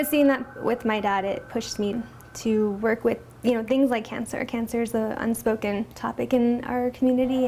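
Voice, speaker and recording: A woman's voice: fairly high pitch, creaky, darkish tone. A woman from New Mexico, a medical student, speaking earnestly in an interview and often saying "you know". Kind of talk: interview testimony.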